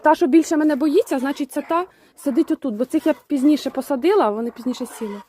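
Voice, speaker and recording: A woman's voice: sits high, fast talker, mellow. A woman keeping a homestead, chatting casually while she coaxes and talks to her hens and geese in a poultry coop. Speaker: homestead keeper. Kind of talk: casual farmyard vlog. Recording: noisy farmyard with clucking hens.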